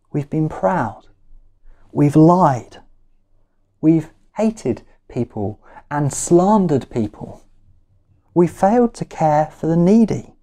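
Indoors in a small living room at home, a man with a voice on the high side delivers a sermon in an unhurried, deliberate way. His tone stays mellow and relaxed, but he stresses key words and repeats phrases for emphasis, with measured pauses in between.

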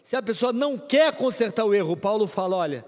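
High-voiced Brazilian pastor preaching. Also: male voice, animated, fairly quick, a little mellow, in a large hall. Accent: Brazilian Portuguese. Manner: emphatic preaching with repeated short commands. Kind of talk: live-streamed sermon. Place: church sanctuary.

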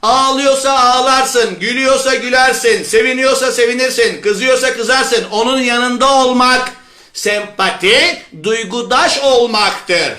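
Animated male teacher, high bright voice, echoey room; repeats key words to drive the lesson home. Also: measured pace. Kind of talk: lively storytelling lecture.

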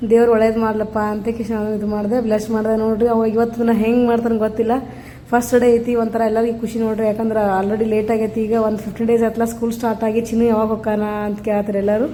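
A mother from North Karnataka chats fast into her phone camera in a regional Kannada accent. Her voice sits a little high but mellow and stays level in tone. She keeps showing viewers things in a casual vlog way. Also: completely flat delivery, slight background noise. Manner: chatty, keeps saying "see" to viewers. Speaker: mother vlogger.

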